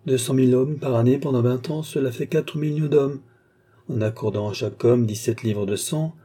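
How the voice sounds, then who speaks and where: Casting: male reader doing an old sneering alchemist, dark husky voice pushed higher, taunting. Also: lightly acted. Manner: taunting, rising to fierce outbursts. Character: old scornful male alchemist, cold, mocking. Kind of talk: audiobook character voice.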